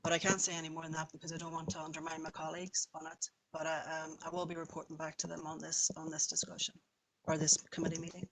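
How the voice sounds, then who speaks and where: Halting woman, flat delivery. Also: low voice, poor audio. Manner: halting, self-correcting, careful. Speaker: planning officer. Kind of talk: formal committee explanation.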